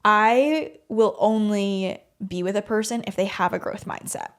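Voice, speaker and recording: A woman co-hosting a podcast in casual chat, animated and teasing, with many likes and ums. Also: medium pitch. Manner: animated, teasing, fast filler-heavy talk. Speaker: podcast co-host.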